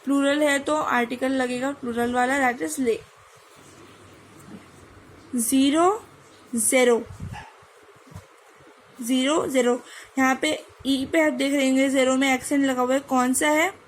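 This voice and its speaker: A woman's voice: sits high, fairly even intonation, normal speed, few pauses, a little hiss or hum, poor audio. A woman teaching French number pronunciation, mixing Hindi with English and sounding out each word. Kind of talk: online language lesson.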